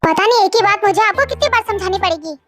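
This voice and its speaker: A woman's voice: very high voice, fast. A young woman voicing a short-tempered young woman who scolds bluntly, in a storybook reading. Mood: scolding. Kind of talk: storybook voice acting. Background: faint background music.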